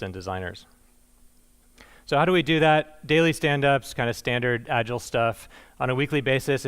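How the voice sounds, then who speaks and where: A man's voice: medium pitch, fairly bright tone, smooth. A man giving a conversational conference presentation, with frequent fillers and restarts and a dry, self-deprecating humor. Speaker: conference speaker.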